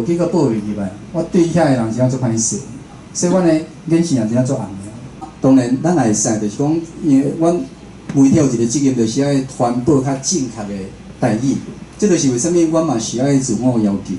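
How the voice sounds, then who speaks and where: A radio host with a Taiwanese accent gives an informal, conversational public talk in an indoor room, often checking in with his listeners. His medium-pitched, dark voice moves fast with lively intonation, and the roomy venue carries faint noise.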